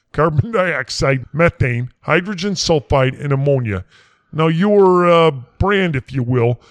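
A man's voice: fairly high pitch, no echo, close to an everyday voice. A man playing a blustering, folksy quack doctor, rambling in a comedy sketch. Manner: rambling, brash, folksy slang.

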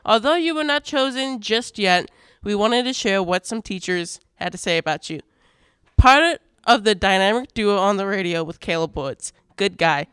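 A man's voice: sits high, normal speed, bright, forceful tone, clear, resonant tone, no echo. A teenage boy co-hosting a school morning radio show, reading announcements in an upbeat way with playful asides. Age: teens. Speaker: student radio co-host.

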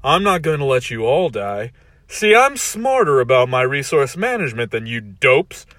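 A cold megalomaniac lays out his plans slowly and loudly, every word heavy with menace, as a man plays him. His voice is bright and close, on a dry recording. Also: mid-range voice, big pitch swings, no room sound. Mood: menacing. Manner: slow, loud, menacing.

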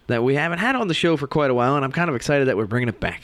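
A man co-hosts a casual podcast and leads into its segments with an upbeat manner. His pitch moves about in a lively way. The sound is dry and close. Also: rapid-fire, no room sound. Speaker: podcast co-host. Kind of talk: casual chat.

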